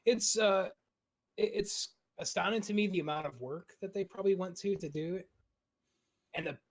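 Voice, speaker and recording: Male host, casual and explanatory, higher pitched. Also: moderate pace. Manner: chatty, laughs often, explains step by step. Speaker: streamer and podcast host. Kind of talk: casual chat.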